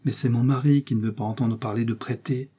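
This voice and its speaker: A man's voice: mid-range voice, fairly even intonation, a little fast, warm tone, slightly rough. A man voicing a jealous, pleading middle-aged woman who speaks in a plaintive, sighing manner, in a storybook reading.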